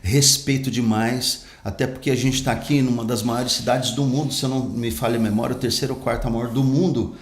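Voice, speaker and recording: A man's voice: medium pitch, steady tone, fairly quick, hardly any pauses, reverberant. A man, an actor and pastor telling his life story in an emphatic, earnest way as a podcast guest. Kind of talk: personal storytelling in an interview.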